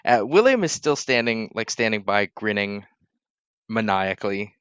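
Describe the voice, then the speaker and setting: Slow guy running a tabletop game, smooth clear voice, dry dullish sound. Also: on the low side, big pitch swings, fairly bright tone, no echo, highs cut off. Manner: unhurried with many fillers. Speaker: game master.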